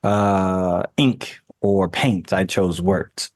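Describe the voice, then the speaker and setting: A man's voice: sits low, steady tone, extremely slow, darkish tone, dry recording, studio quality. A man, a hip hop artist, chatting casually as a podcast guest, informal and repeating words for emphasis.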